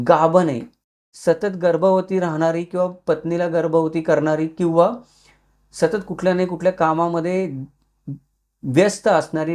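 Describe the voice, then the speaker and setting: A man with a Marathi accent, hosting his own channel, who goes through a list of words and explains each one in turn. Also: on the high side. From Maharashtra. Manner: steady list-like explanation, each entry followed by its meaning. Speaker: YouTube channel host. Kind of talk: explanatory talk listing surnames.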